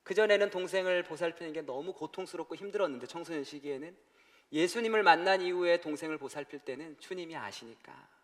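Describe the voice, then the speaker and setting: A male pastor telling a personal story in a sermon, acting out phone calls and voices as he goes. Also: on the high side. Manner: storytelling, acts out calls and his brother's voice. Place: church sanctuary. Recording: church hall reverb.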